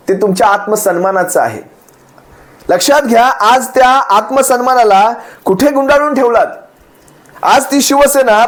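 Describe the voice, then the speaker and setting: Combative high-pitched male political spokesman. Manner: combative, rhetorical questions, repeats for emphasis. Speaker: party spokesperson. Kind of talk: political speech addressing opponents.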